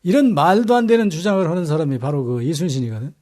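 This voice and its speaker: Guy telling history stories, casual and blunt, lots of uh's, kinda high mellow voice. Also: big pitch swings, quick pace. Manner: colloquial, blunt, peppered with fillers and rough language. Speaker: history lecturer. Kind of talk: casual storytelling lecture.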